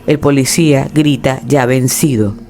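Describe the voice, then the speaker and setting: A man reading a scripted horror story in a dramatic, measured storytelling manner. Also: mid-range voice, steady tone, darkish tone, a little hiss or hum.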